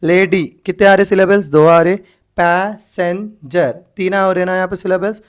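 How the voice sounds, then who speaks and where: A man's voice: high voice, level tone, fast, clear, resonant tone. A man teaching an exam-prep English lesson, spelling words out letter by letter and asking himself questions as he goes. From India. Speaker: English grammar tutor.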